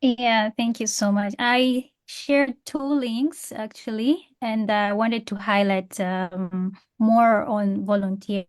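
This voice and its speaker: A woman's voice: fairly high pitch, steady tone, slow, few pauses. Hesitant woman from Tanzania on a call. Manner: hesitant, many fillers and restarts. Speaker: participant. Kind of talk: online roundtable remarks. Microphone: video call.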